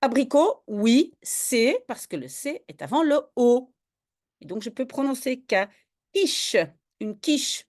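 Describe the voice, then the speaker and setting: A woman's voice: high voice, sing-song, slow, darkish tone. A woman tutoring a student in French spelling, patiently explaining each word step by step. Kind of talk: one-on-one spelling lesson.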